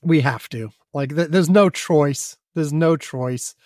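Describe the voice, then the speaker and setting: A man's voice: fairly high pitch, slow, a little mellow, dry recording, clean studio sound. A man co-hosting a casual podcast chat, rambling in a wry, self-mocking way and swearing offhandedly. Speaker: podcast co-host.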